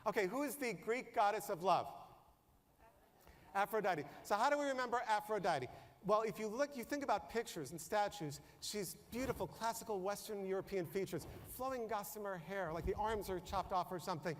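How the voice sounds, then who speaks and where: A man with a high, light voice gives a humorous storytelling talk to a conference audience. He is animated and keeps firing questions at the crowd. His voice rings with the long reverb of a large hall. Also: brisk, a little hiss or hum. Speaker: conference speaker. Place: conference room before an audience.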